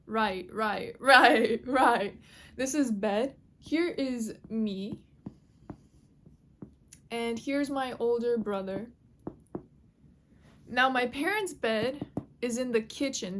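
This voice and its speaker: A woman's voice: a little high, a bit bright, a little hiss or hum. Chatty woman telling a storytime. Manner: chatty, lots of fillers, laughs mid-story, casual swearing. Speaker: vlogger. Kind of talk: casual storytime narration while drawing.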